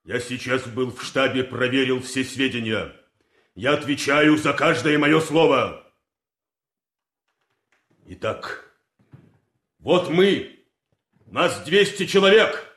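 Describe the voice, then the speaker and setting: An actor playing a stern, bitterly sarcastic army colonel in a period military drama, declaiming orders deliberately with heavy pauses. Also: male voice, mid-range voice, expressive, a bit bright. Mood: grave, insistent. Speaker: commanding officer. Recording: echoey hall.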